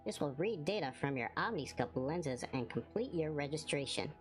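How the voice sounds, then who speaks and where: A man's voice: a little high, expressive, moderate pace, over music, pitched above the performer's own voice, close to an everyday voice. A man voicing an eager, chummy male recruiter in a video game, chatty and enthusiastic. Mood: eager, friendly.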